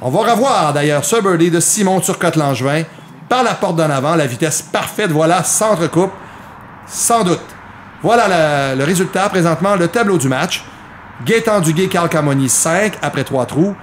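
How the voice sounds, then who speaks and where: A man's voice: a little high, expressive, normal speed, a little hiss or hum. A man with a Quebec French accent giving live golf commentary on a mini-golf match, explaining the play to viewers.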